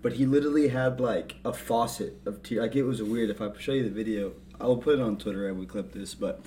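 A man's voice: fairly low pitch, fast, warm tone, a little hiss or hum. A young man co-hosting a casual sports podcast, joking and teasing with slangy banter. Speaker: podcast co-host.

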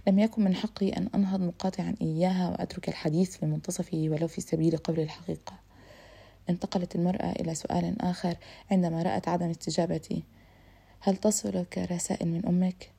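A woman narrating a literary audiobook. Her voice is dark and husky, and she reads reflectively but briskly. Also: fairly low pitch, flat delivery.

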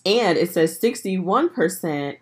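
A woman's voice: lowish voice, animated, slow pace. A woman hosting a casual podcast chat, steering the talk and asking questions. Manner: steering, asks questions, laughs easily. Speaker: podcast host.

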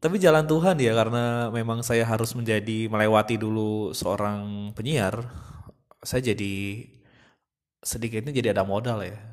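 A young man, hosting a casual podcast monologue in a chatty manner. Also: on the low side. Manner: chatty, imitates babies and others mid-talk.

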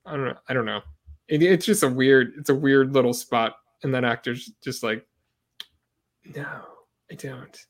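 A man's voice: medium pitch, a little fast. A man co-hosting a casual movie podcast, hesitant and often trailing off. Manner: hesitant, trailing off with "I don't know". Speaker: podcast co-host.

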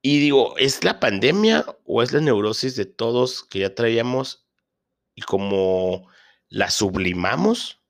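A man's voice: medium pitch, animated, takes it slowly, gravelly. A man with a Mexican Spanish accent, a teacher and father, hosting a casual podcast monologue with slangy, joking, self-deprecating asides.

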